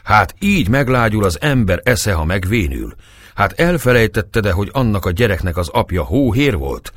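A man voicing a stern old priest in a storybook reading, raised and loud in anger. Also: lowish voice, big pitch swings, voice pushed up. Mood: furious. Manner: shouting, indignant.

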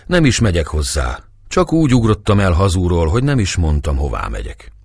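A man's voice: low voice, huge pitch swings, a little mellow, husky, no room sound, exaggerated voice. A man voicing an earnest young student.

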